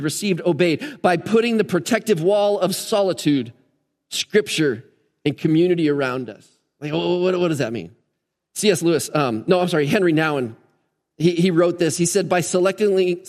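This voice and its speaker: A man preaching a sermon in a conversational, earnest way, often restarting his phrases as he speaks to a church audience. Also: a little high. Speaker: pastor. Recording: long hall reverb.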